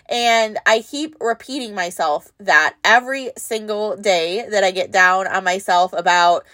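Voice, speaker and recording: A woman's voice: medium pitch, a bit bright, no room sound. A woman talking to her followers in a candid, self-reflective monologue, rambling at times with fillers. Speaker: motivational vlogger. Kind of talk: casual heartfelt monologue.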